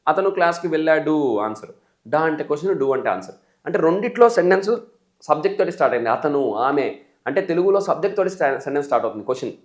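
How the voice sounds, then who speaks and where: A man from the Telugu states teaching English as an exam coach, animated, mimicking learners' mistakes and calling the viewers friends. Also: a little high, rapid-fire. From Telugu states of India. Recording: echoey room.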